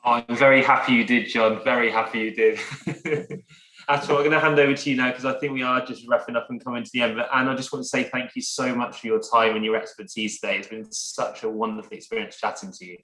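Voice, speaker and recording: Quick, bright man in an echoey room. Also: medium pitch, steady tone. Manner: warm and grateful. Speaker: panel host. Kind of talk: closing thanks on a live stream.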